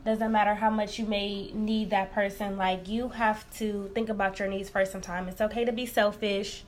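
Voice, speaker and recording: A woman chats casually as a podcast co-host in a medium-pitched voice. Her way of talking is informal and reflective, as if confiding something personal. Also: little pitch movement, normal speed, slight background noise. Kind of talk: casual chat. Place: room in a library.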